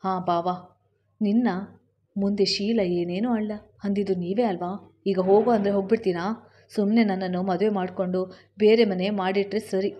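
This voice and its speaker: A woman voicing a brazen young mistress who demands marriage in a brash, quick voice. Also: mid-range voice, fairly even intonation, highs cut off, close to an everyday voice. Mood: demanding.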